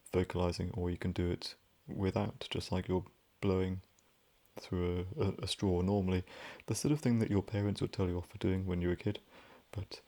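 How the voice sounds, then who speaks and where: A man in soft-spoken, whispered role-play, rambling gently and drifting between a whisper and a low voice. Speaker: ASMR creator.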